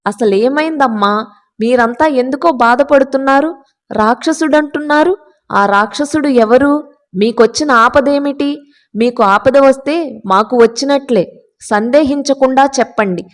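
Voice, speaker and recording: A woman reading a calm, reassuring queen mother. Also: high voice, unhurried. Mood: concerned. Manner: soothing, reassuring. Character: calm, kind royal mother of five sons.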